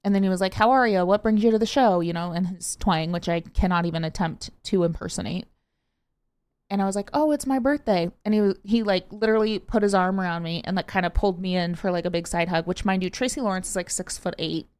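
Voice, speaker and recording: Woman podcast co-host, chatty and excitable, drifts from tangent to tangent. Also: on the low side, quick pace, clean tone. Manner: rambling, excitable storyteller, jumps between tangents. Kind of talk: casual chat.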